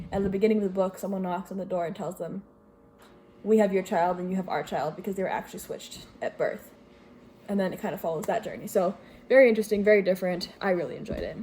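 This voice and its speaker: Speaking in a mellow, mid-range voice with a little hiss or hum on the recording, a young Greek woman casually reviews books for her vlog. She wanders, fills gaps with filler words and restates things, all while a washing machine churns at home.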